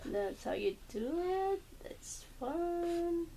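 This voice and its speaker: Her voice is very high-pitched and animated, yet gravelly and mellow, and she takes her time. She's a mother playing with her toddler at home, using simple, patient words, recorded as a casual home video with background noise.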